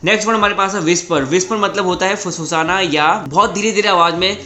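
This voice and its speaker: A man teaching English vocabulary in a methodical lesson, repeating each word and saying the English examples slowly. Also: high voice. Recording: roomy echo with faint background music.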